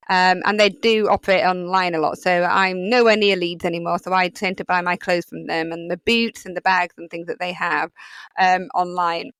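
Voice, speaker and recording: Brief: Yorkshire woman podcast host, middle-aged, smooth resonant voice, rambling and chatty, close dry mic. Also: fairly low pitch, fairly bright tone, dry recording. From England. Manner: chatty, rambling, many fillers. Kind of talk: solo podcast monologue.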